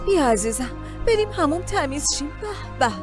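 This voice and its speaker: A composed young mother, high voice, calm front, music behind. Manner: calm, acting as if nothing happened. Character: young mother hiding her hurt. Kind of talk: Persian dub of a Turkish drama.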